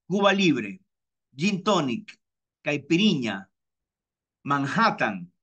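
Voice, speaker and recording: A man, hosting his own podcast and chatting casually through personal stories, often repeating himself. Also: sharp tone. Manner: chatty, repeats himself, mimics friends with high-pitched voices. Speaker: podcast host. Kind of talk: casual personal storytelling monologue.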